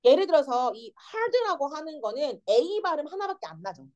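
A young woman with a high-pitched voice, speaking at normal speed, teaches an English grammar lesson step by step. She's lively and keeps checking whether her students are following. The audio has its highs cut off.

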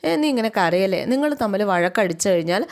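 A woman's voice: medium pitch, animated, fairly quick, darkish tone, lightly acted. A woman voicing a kind older sister-in-law who comforts and reassures. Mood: consoling. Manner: soothing, reassuring.

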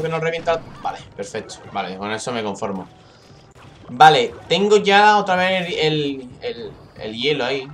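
A young man from commenting live on his own mobile game match, swearing freely, shouting when things get tense and talking to his viewers directly. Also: mid-range voice. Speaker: gaming YouTuber. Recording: game music behind the voice.

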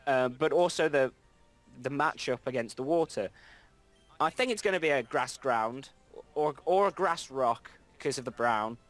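A man's voice: medium pitch, animated, normal speed, faint music behind. Rambling young man chatting over gameplay. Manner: rambling, self-correcting, reads game dialogue aloud. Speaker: let's play host. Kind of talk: casual gameplay chat.

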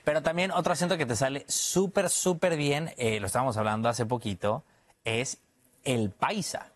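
A man's voice: medium pitch, normal speed. A man interviewing a guest on an evening TV news program, asking questions and prompting with brief acknowledgments.

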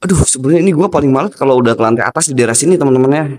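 A man's voice: medium pitch, lively intonation, racing, a little mellow. A young man live-streaming as he explores an empty building, chatting casually with viewers, jumpy and easily startled, chanting summons between remarks. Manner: jumpy, startled outbursts and whispered invocations. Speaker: horror livestream explorer. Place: empty abandoned building indoors. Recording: echoey hall reverb.

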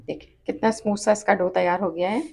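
A woman with a Pakistani Urdu accent hosting a cooking channel, calmly explaining each step of a recipe and repeating her tips. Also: medium pitch, fairly quick, gravelly. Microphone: off-camera voice over hands-only cooking shots.

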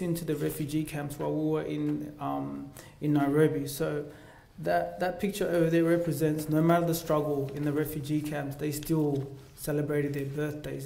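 A young man from Ethiopia in his twenties with a gravelly, mellow, fairly flat voice. He speaks informally, with many fillers and restarts. His voice echoes through a large lecture theatre. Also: a little high. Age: 20s. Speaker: student guest speaker. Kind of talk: personal account at a lecture.

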